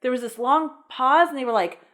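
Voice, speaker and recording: A woman co-hosting a podcast, chatting casually and retelling film scenes in an animated way. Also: high voice, brisk. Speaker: podcast co-host. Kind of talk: casual chat about a horror film.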